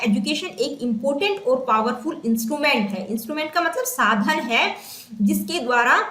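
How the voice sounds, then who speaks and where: A woman's voice: sits high, a bit bright, roomy sound. A woman teacher giving an exam-prep lecture, who repeats key points, asks questions and then answers them herself, and mixes English terms into her talk. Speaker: teacher preparing students for exams.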